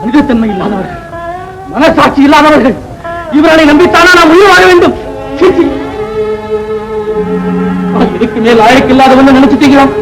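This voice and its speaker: An actor playing a proud young son who declaims a fiery, defiant vow in old film style. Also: male voice, extremely high pitch, rough recording. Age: young adult. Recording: old film soundtrack with music.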